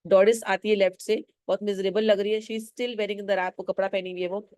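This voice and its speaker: A woman's voice: medium pitch, level tone, moderate pace, a little mellow, smooth, no echo, studio quality. A woman teacher giving a classroom lecture, explaining a play line by line in a mix of Hindi and English and quizzing her students. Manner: mixes Hindi and English, asks students questions, acts out lines.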